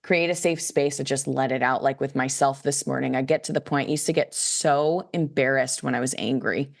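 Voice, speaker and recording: Low-voiced woman, animated podcast guest. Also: a little fast, creaky. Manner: animated, acts out quoted voices, many "like, you know" fillers. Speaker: guest, children's book author. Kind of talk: casual podcast conversation.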